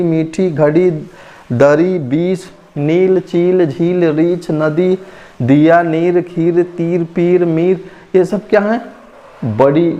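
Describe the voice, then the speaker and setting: Male teacher, slightly high voice, drills words slowly, each repeated twice; muffled lo-fi recording. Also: warm tone. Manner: reads word lists slowly, repeats each word to stress vowel length. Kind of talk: Hindi phonics lesson. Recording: dull lo-fi recording.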